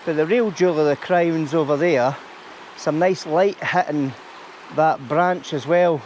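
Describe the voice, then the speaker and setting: A man's voice: a little high, steady tone, measured pace, a little mellow, a little hiss or hum. A man with a Scottish accent giving a chatty, casual outdoor vlog commentary, explaining things as he goes. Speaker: YouTube vlogger and landscape photographer. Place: outdoors by a stream under a bridge.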